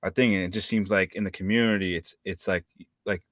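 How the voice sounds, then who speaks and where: Man, thirties, low pitch, hesitant, lots of fillers. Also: steady tone, brisk, no echo, studio quality. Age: 30s. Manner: rambling, hesitant, many fillers. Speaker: live-stream co-host. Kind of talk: casual chat.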